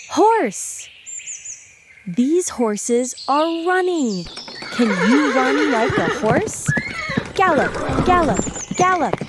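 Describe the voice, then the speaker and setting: A woman's voice: high voice, very noisy. A woman narrating a kids' learning video, cheerfully teaching toddlers with call-and-response. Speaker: children's teacher.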